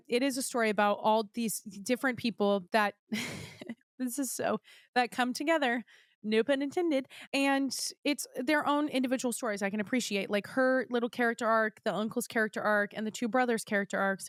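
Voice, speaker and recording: A woman's voice: a little high, smooth, dry recording, clean studio sound. A young woman hosting her own podcast, chatting casually and gushing to her listeners about what she loves lately. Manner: bubbly, gushing, talks to listeners directly. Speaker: podcast host. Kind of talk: casual solo chat.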